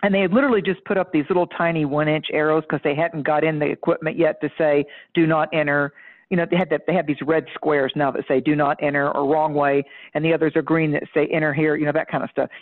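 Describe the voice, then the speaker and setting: A woman guest astrologer and psychic telling a story in casual chat, lively and emphatic, laughing now and then as she talks. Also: sits low, quick pace. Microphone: phone or call line. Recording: tinny phone line.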